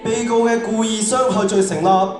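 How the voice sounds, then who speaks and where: A high-pitched male voice, fairly even in intonation and only lightly acted, speaks at a moderate pace as a severe, officious judge of heaven's court in a staged radio drama. His tone is stern and warning, with an authoritative courtroom manner. Music plays in an echoey hall captured by a far-off microphone.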